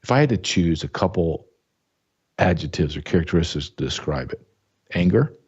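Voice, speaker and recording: A Southern American man hosts his own talk show in a casual commentary monologue, his low voice lively in intonation and moving at normal speed. His tone is darkish and slightly rough, and the audio sounds dull. He speaks emphatically, often restarting and repeating words.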